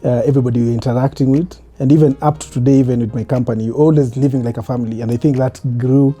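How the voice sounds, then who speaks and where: A man's voice: mid-range voice, rapid-fire. A Kenyan man in his thirties, a podcast guest telling his life story in an easy, reflective way with frequent laughs. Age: 30s. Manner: relaxed, reflective, laughs often. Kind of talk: casual interview.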